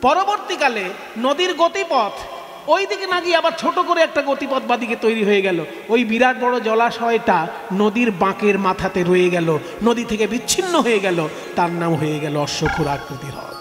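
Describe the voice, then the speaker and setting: A man's voice: very high voice, expressive, normal speed. A male devotional preacher, explaining scripture by asking questions and repeating words for effect. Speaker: kirtan preacher. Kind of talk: devotional kirtan discourse. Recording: echoey hall, soft music behind.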